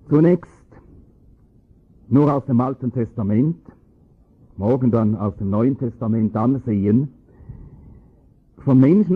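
A man preaching a sermon, explaining scripture with emphatic, rising stress on key points and a husky voice. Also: mid-range voice. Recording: tinny phone-like lo-fi recording.

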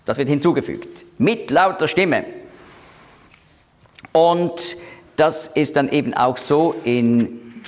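A man leading a Bible study, explaining verses slowly and deliberately, with frequent hesitations. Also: fairly high pitch.

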